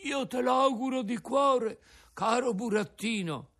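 A man voicing a resigned, philosophical male tuna with a cracked, creaky voice, speaking slowly in a storybook reading. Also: very high-pitched, a bit bright, pitched above the performer's own voice, exaggerated voice. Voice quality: cracked, creaky voice like an out-of-tune guitar. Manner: slow, resigned, drawn-out delivery. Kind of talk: audiobook character voice.

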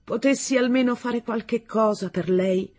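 A gallant male music teacher with a fervent, coaxing way of speaking, voiced by a woman. The tone is soft and breathy, and he urges his pupils on with warm insistence. It comes across as a lone voice reading a storybook. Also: on the high side, measured pace, pitched above the performer's own voice. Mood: gentle.

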